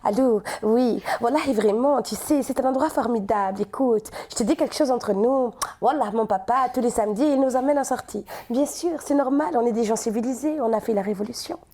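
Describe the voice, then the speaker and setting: Woman doing a chatty tunisian on the phone, singsongy, boastful, loud. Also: on the high side, brisk, few pauses, natural voice. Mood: proud chatty. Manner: sing-song, boastful. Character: sing-song proud Tunisian speaker on a phone.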